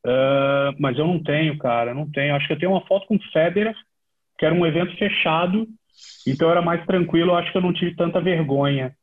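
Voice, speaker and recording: A middle-aged Brazilian man, a TV sports reporter, chatting relaxed and full of fillers as a podcast guest. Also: on the high side, quick pace, a little hiss or hum. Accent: Brazilian Portuguese. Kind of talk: casual podcast storytelling. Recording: tinny phone-like line.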